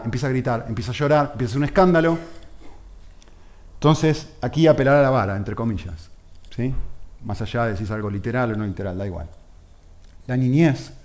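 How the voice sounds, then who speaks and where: A man, a pastor preaching a sermon in an animated manner, acting out dialogues. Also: medium pitch.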